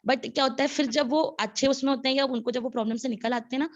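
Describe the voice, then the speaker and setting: A woman's voice: high-pitched, steady tone, fast, highs cut off. A young woman asking questions in a devotional session, eager and hesitant, politely breaking in.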